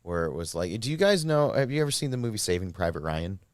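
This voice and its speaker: A man's voice: deep voice, sing-song, fast, no echo, clean studio sound. A man, a podcast guest, candidly telling his recovery story in a rambling, filler-heavy way.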